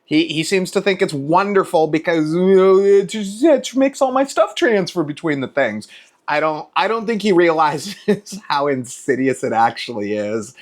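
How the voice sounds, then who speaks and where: A man with a high-pitched voice delivers an exasperated, off-the-cuff rant. His intonation swings widely as he hammers points home, restarting and repeating words for emphasis. His language is casual and peppered with swearing. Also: expressive, moderate pace. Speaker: video creator.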